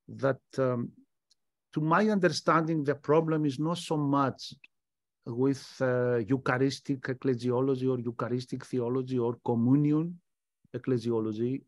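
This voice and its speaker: A man speaking as a panelist in an academic discussion, measured and hesitant. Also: medium pitch, no room sound, studio quality. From Greece.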